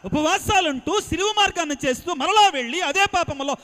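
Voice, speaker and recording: Priest preaching to a big crowd, really high voice, lots of call and response. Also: male voice, quick pace. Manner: lively call-and-response preaching, mixing English phrases. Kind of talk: sermon to a large congregation. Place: large outdoor gathering. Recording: long hall reverb.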